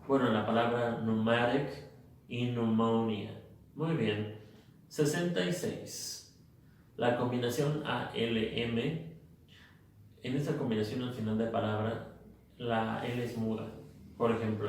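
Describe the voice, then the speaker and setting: A man teaching English pronunciation in a slow, methodical way, drilling word lists one by one. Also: medium pitch, slight background noise. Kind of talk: recorded phonics lesson. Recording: echoey room, mic far off.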